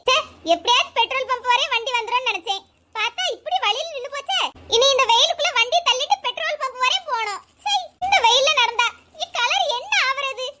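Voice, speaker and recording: Squeaky village woman. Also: bright, forceful tone, heavily acted. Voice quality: squeaky, chipmunk-like high voice. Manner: bickering, teasing comic banter. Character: young Tamil village woman, squeaky and quick-tempered. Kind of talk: village comedy sketch. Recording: hissy background noise.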